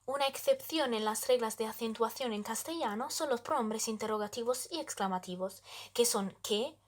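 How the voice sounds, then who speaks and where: A woman reading a scripted grammar explanation as a student presenter, measured and steady, slowing down to spell out each example. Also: on the high side.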